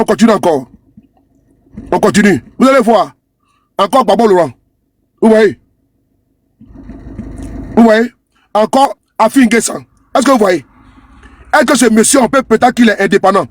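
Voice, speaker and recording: Male vlogger, high voice, dry close sound, scornful and repetitive running commentary to camera. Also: dry recording. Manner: repetitive, scornful, keeps asking "you see?". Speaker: online commentator. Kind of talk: talking to camera while scrolling a social media page.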